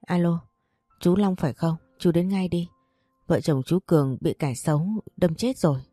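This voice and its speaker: A woman's voice: on the low side, normal speed, warm tone, dry recording, studio quality, faint music behind, close to an everyday voice. A woman voicing a frightened older housemaid who cries out in panic, in a storybook reading. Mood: urgent.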